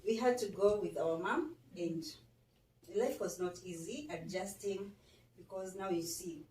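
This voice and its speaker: A woman hosting her channel and telling her own story in a reflective, softly spoken, casual way. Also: on the low side, measured pace. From Kenya, Nairobi. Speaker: channel host, interviewee. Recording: echoey room, mic at a distance, faint noise.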